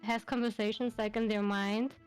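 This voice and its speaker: A woman from Belarus whose first language is Russian and who has a German accent chats casually as a guest on a VTuber livestream, rambling with lots of fillers and restarts. Her voice is a little high, slightly mellow, clear, and resonant, with a flat delivery at normal speed. Soft music plays in the background.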